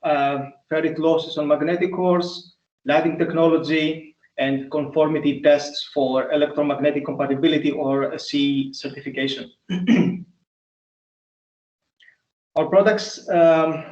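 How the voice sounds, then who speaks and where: Male application engineer presenting over a video call; polite and halting, in a roomy, muffled room sound. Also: on the high side, steady tone, a little mellow, recorded from a distance. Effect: video call audio.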